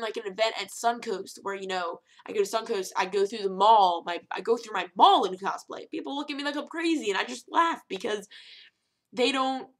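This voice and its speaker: A young woman talking casually to camera in a vlog, animated and rambling, with emphatic rhetorical questions. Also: mid-range voice. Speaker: vlogger.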